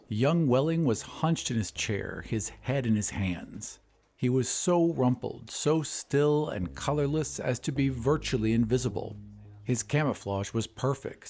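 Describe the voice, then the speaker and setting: A man with a mid-range, slightly mellow voice hosts a storytelling podcast. He reads scripted narration in an audiobook style.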